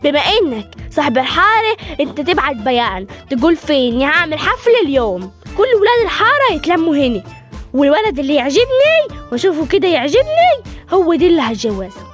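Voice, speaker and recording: A woman's voice: high-pitched, big pitch swings, fast, faint music behind. A woman voicing a spoiled, bored rich young daughter who whines and makes demands in Egyptian Arabic. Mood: whiny. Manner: whiny, demanding.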